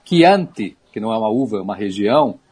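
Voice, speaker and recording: A man's voice: lowish voice, very animated, quick pace, a little mellow, breathy edge. A man talking about wine on a radio show, explaining things in an easygoing way with small asides.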